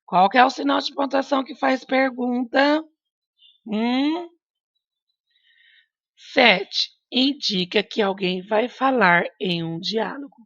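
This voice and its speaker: A woman teacher talks slowly and patiently to young pupils, coaxing answers out of them with questions and gentle reminders. The sound is dry and a little dull, like a lo-fi home recording. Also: fairly high pitch, dry recording. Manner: patient, coaxing, asks children questions and repeats prompts. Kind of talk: recorded remote class lesson.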